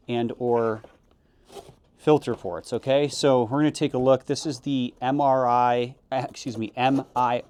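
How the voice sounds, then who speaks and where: A man giving a casual, halting unboxing review, correcting himself as he goes. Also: medium pitch, darkish tone. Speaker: product reviewer. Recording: noisy, with crinkling packaging and clicks.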